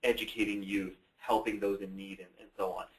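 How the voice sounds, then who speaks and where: A man's voice: on the low side, flat delivery, fairly quick. Man telling stories in a roomy hall. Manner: storytelling, conversational. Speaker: co-presenter. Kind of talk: conference presentation. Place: presentation hall.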